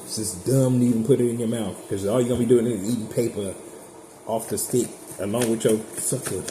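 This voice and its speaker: A man giving a casual tarot reading straight to his viewers, chatty, blunt and profane. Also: mid-range voice. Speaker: tarot reader. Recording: echoey room with background noise.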